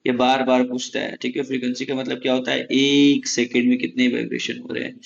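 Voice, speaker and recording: A man's voice: medium pitch, monotone, a little fast, creaky, a little hiss or hum. Male exam-prep tutor, casual lecture over slides, mid voice, somewhat muffled audio. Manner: chatty, repeats "ठीक है?" to check in. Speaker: exam coaching teacher. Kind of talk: casual Hindi-English lecture. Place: room at home, AC running.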